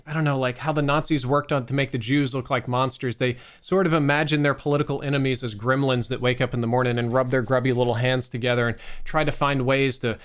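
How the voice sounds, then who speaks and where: An American man giving a candid, exasperated rant to his viewers, swearing freely and stressing words by drawing them out. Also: a little high. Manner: profane, exasperated. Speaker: online streamer.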